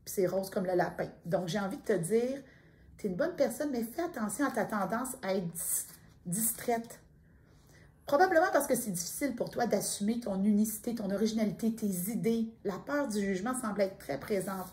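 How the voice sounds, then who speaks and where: A middle-aged woman with a Quebec French accent giving a gentle, intimate spiritual card reading, speaking straight to the listener. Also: medium pitch, lively intonation, moderate pace. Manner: soft-spoken, intimate, addresses listener directly. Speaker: tarot card reader.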